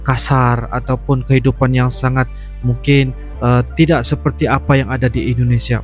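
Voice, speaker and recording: A man hosts a casual reaction video. His voice is on the high side for a man, and he talks in a wordy, repetitive way over faint music.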